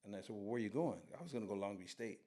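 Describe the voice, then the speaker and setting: Relaxed low-voiced male storyteller. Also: very fast. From Southern California. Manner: relaxed storyteller, acts out quotes. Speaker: brand co-founder guest. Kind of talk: casual storytelling in interview.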